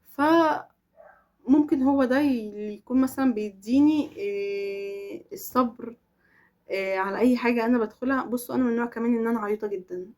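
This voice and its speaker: A quick, rather high-voiced young woman with an Egyptian accent talks straight to her viewers. She answers their questions in a casual, earnest chat and leans on emphatic oaths to drive her points home. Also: a little mellow. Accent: Egyptian Arabic.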